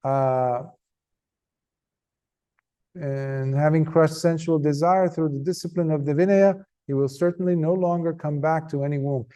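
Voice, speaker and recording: Emphatic monk, mellow voice. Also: male voice, on the high side, fairly even intonation. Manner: earnest, emphatic, conversational with pauses. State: tired. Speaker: Buddhist monk teacher. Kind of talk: Dhamma talk.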